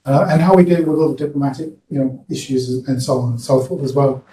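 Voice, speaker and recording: A man's voice: mid-range voice, quick pace, mellow, slight background noise. A man, a professor, answering audience questions at a public talk in a conversational way, often adding "you know" and "right?". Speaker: guest speaker, professor. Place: lecture hall at a public event. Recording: roomy hall, picked up from a distance.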